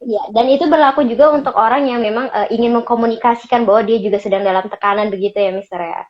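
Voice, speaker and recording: A woman's voice: on the high side, steady tone, fast, slight background noise. Woman host over dull lo-fi audio. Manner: polite, short affirmations, careful questions. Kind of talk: live stream interview hosting.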